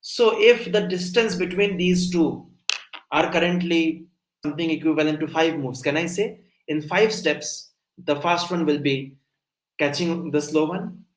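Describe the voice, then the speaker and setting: At a measured pace and a fairly high pitch, a young coding instructor delivers a live online lecture, explaining step by step and asking frequent check-in questions. The audio is poor, with a roomy sound.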